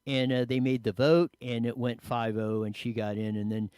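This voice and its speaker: A man with a folksy Appalachian-style twang talks through local business without a script. His delivery rambles and has a wry edge, at a middling pitch. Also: little pitch movement, normal speed, darkish tone, clear, resonant tone, no echo, clean studio sound. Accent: Appalachian-style hillbilly twang. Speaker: local commentator and public speaker. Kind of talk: unscripted talk on local government.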